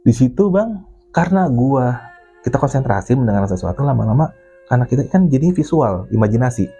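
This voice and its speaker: A man with telling a mountain ghost story in casual chat, animated and swearing, acting out the voices of the people in it. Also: medium pitch, brisk, husky, soft background music. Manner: animated, acts out his own and others' quoted lines; swears casually, keeps addressing the listener as Bang.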